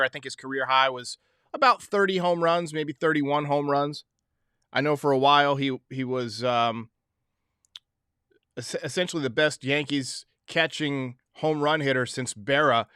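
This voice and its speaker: A man's voice: mid-range voice, pushed and bright, no echo, clean studio sound. A man hosting a sports podcast, giving emphatic, opinionated commentary in a casual way, talking straight to listeners.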